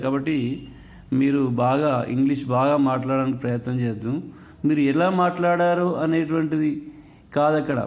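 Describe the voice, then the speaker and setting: A man teaching a lesson on an English text, explaining in another language mixed with English words and reading English quotations slowly. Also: fairly high pitch, darkish tone, muffled recording.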